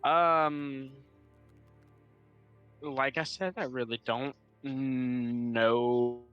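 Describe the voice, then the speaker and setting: A man's voice: mid-range voice, fairly even intonation, extremely slow, lo-fi sound. A man playing a tabletop role-playing game, improvising casually and thinking aloud in a hesitant way. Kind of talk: casual in-character improvised chat. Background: music.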